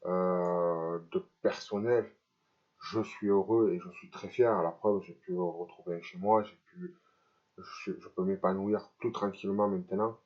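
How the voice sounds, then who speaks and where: Male vlogger, lowish voice, speaking with braces, hesitant confessional delivery, slightly muffled lo-fi sound. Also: fairly even intonation, a little slow, a little mellow. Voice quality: speech slightly impeded by dental braces. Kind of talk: personal vlog confession to camera.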